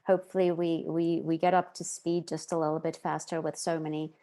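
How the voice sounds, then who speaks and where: A woman moderating a panel discussion, polite and a little halting as she hands over to speakers. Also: low voice, level tone, mellow. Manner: polite, with fillers.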